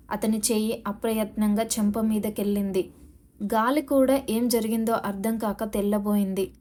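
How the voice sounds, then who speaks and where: Female audiobook narrator, warm mellow voice, steady and dramatic reading. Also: mid-range voice. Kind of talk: scripted novel narration.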